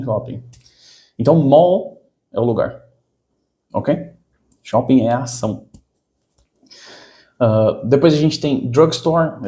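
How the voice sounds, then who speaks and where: Brazilian man, casual English teacher, mellow tone, repeats words to drive them home. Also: mid-range voice. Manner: explanatory, repeats words for emphasis. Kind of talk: casual online lesson.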